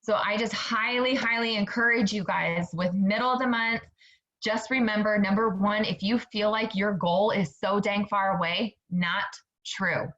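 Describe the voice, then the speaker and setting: A woman's voice: medium pitch, fairly even intonation, moderate pace, a bit bright, dull audio. A woman in her thirties giving a motivational talk to her sales team, chatty and upbeat, often turning to her listeners directly. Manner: chatty, upbeat, keeps saying "you guys". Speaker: network marketing team leader.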